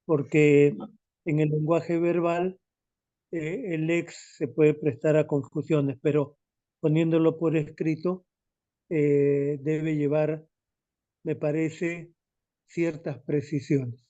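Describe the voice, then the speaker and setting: Male student, slow and hesitant, a little high-pitched, mellow tone, lo-fi call. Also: flat delivery. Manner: slow, hesitant, searching for words. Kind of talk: explaining his essay topic in class.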